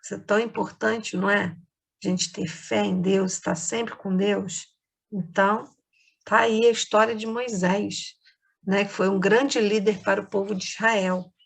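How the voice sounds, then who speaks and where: A woman's voice: mid-range voice, steady tone, unhurried, vocal fry, slightly rough. A woman with a Brazilian Portuguese accent, teaching a remote lesson to children and explaining things patiently step by step, often checking in with short tag questions. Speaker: primary school teacher.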